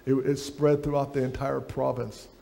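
A man's voice: medium pitch, level tone, normal speed, vocal fry, dark tone. A middle-aged man preaching a sermon on a church stage, reading aloud from a book at a lectern.

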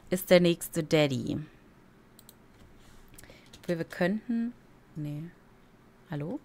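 A woman's voice: low-pitched, darkish tone, slight background noise. A woman giving casual gameplay commentary as a let's play streamer, chatty and giggly and playfully silly.

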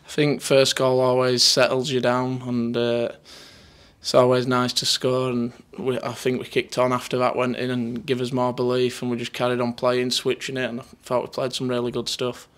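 Standing in front of a sponsor board indoors, a Northern English player in his twenties answers post-match questions in a casual, matter-of-fact way. A handheld interview mic is held close to him, and his mid-range voice stays completely flat at a moderate pace.

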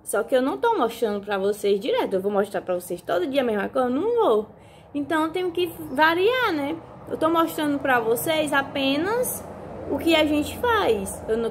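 A high-pitched woman vlogs casually from a countryside home, talking to her viewers on a phone video, often checking in with them and repeating herself. There's a little hiss or hum in the audio.

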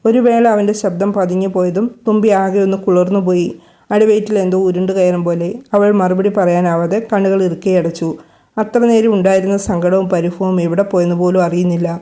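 A woman reading a romance story aloud in a gentle, steady narration. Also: fairly low pitch, brisk.

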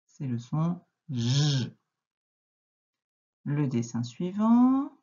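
A woman teacher with a French accent, gently guiding a young child through a phonics lesson, encouraging and repeating words slowly. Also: lowish voice, lively intonation, muffled recording. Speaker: primary school teacher.

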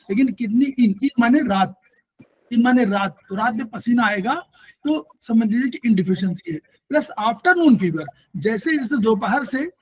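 A man's voice: very high-pitched, slightly rough, low-quality recording. A man teaching a class, explaining patiently and repeating key points so students remember.

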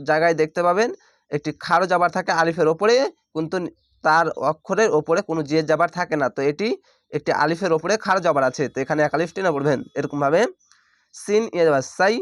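Man spelling out syllables, higher voice. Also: no room sound, clean studio sound. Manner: spells out syllables slowly, then chants the word drawn out. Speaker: Quran reading teacher. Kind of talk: step-by-step spelling lesson.

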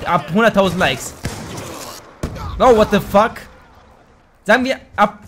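A young man giving live commentary over his shooter gameplay, excitable and slangy, often swearing in annoyance. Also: sits high, slight background noise. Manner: slangy, says "Alter" a lot. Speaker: let's play gamer. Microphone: gaming microphone.

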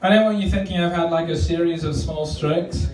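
A man's voice: fairly high pitch, fairly even intonation, brisk, a little mellow. A man with an Australian accent doing a stand-up comedy set on a club stage, rambling and self-deprecating with lots of fillers. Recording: roomy live club sound from far off.

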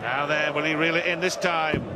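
A man's voice: fairly high pitch, fairly even intonation, normal speed, very noisy. A man giving live darts commentary. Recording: loud arena crowd and music behind. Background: loud crowd, music.

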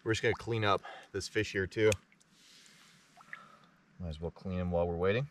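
A man in his thirties with a deep, low voice talks to his camera while camping alone by a mountain lake at night. He chats casually and gets excited easily. A faint hiss of outdoor night air sits behind him. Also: moderate pace, far from the mic. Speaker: fishing vlogger. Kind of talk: casual solo outdoor vlog. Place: dark forest lakeshore at night, outdoors.

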